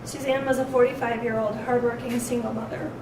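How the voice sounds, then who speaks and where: A woman victim advocate reading a victim impact statement aloud in a steady, measured way, captured in a courtroom recording. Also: fairly high pitch. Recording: echoey courtroom, distant mic, noise.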